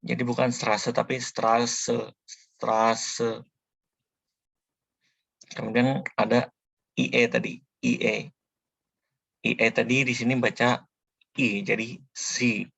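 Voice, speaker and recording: A man giving a slow spoken language tutorial, patiently repeating each sound several times as a teacher. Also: medium pitch, little pitch movement, gravelly, fairly bright tone, husky, no room sound.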